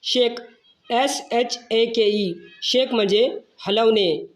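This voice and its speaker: A teacher giving a slow vocabulary lesson, spelling each word letter by letter and then giving its meaning. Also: medium pitch.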